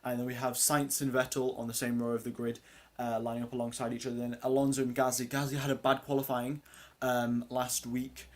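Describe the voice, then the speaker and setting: This live stream host is a teen boy with a surprisingly deep voice, running a casual watchalong of a race. Speaking fairly quickly and in a level tone, he meanders through chat questions with lots of ums and uhs.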